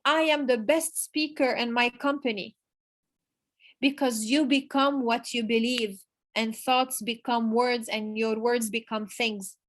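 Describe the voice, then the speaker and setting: In this motivational talk, a higher-voiced woman who leads in network marketing speaks with Arabic as her first language. Her delivery repeats itself forcefully, with deliberate pauses for emphasis.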